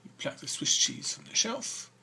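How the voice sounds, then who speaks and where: A man's voice: moderate pace, bright, forceful tone, slight background noise. A man hosting a game walk-through, reading the game's text aloud between hesitant comments full of fillers. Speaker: let's-play host.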